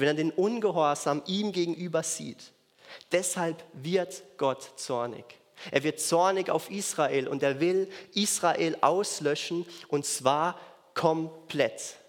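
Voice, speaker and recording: A man's voice: a little high, takes it slowly. A man preaching a sermon in an earnest way, repeating key phrases for emphasis. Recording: long reverb of a large hall.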